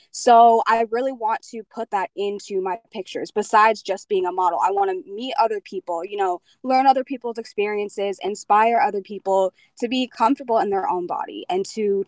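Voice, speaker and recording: Woman, 20s, from Jamaica, raised in Pennsylvania; relaxed interview guest on a video call, lots of "um", dry close sound. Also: mid-range voice, no room sound. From Jamaica, grew up in Pennsylvania. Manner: relaxed, many "um" fillers, easygoing. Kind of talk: casual interview answers.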